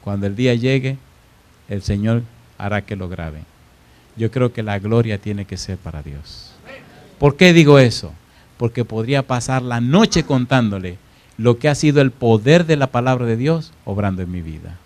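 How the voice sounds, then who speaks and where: A man delivers an animated church sermon at a moderate pace, his voice medium in pitch. He tells a story, moving dramatically between loud and hushed tones while questioning the congregation.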